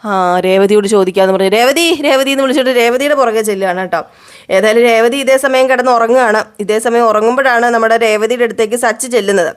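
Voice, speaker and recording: A chatty woman recaps a TV serial and voices every character herself. Her voice sits fairly high, and she narrates in an easy, conversational way. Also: quick pace. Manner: chatty, with tag words. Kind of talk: casual story recap.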